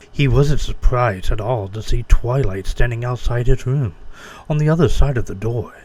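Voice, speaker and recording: Guy doing a dramatic fanfic reading, slow delivery, amateur reader. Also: lowish voice. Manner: breaks character with amused asides. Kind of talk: dramatic reading of fan fiction.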